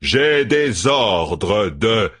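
A man doing a gruff armored officer. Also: fairly low pitch, sing-song, drawn-out words, a bit bright, exaggerated voice.

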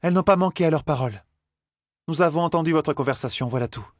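A man's voice: on the high side, quick pace, no echo, clean studio sound, voice pushed up, natural voice. A man voicing an earnest young noblewoman, the heir to a throne, in an audiobook.

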